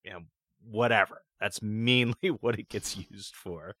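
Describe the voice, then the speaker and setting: Easygoing man with a lowish voice. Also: a little slow, sharp tone, dry recording, studio quality. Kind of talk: casual chat.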